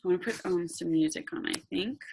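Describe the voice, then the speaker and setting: A woman's voice: on the low side, brisk, vocal fry, mellow, a little hiss or hum. A woman hosting a meditation session, chatting informally to her followers and hesitantly thinking aloud. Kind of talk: casual chat to followers.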